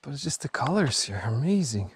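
Man in mid range, laid-back trail vlogger, short offhand remarks, a bit winded, light hiss behind. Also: medium pitch. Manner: relaxed, chatty, pauses between short remarks. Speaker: hiking vlogger. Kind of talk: casual narration while hiking. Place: outdoors on a forest trail.

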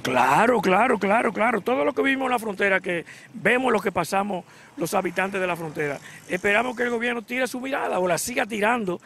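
A man's voice: high-pitched, animated, brisk, creaky, a bit bright, slight background noise. A man in his sixties with a Dominican accent, speaking emphatically in a street interview. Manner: emphatic, repeating himself. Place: outdoors on a street.

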